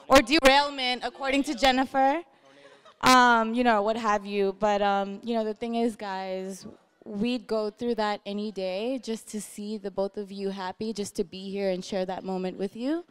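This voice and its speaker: A woman's voice: medium pitch, smooth. A young woman giving a chatty, teasing wedding toast, partly read from her notes.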